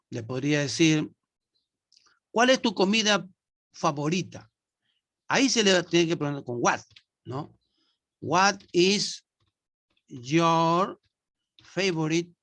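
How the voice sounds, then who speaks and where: A man's voice: on the high side, a bit bright. A man teaching English to nursing students in an online class, patient and repetitive, often checking that everyone follows. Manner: patient, repeats himself, checks understanding with tag questions.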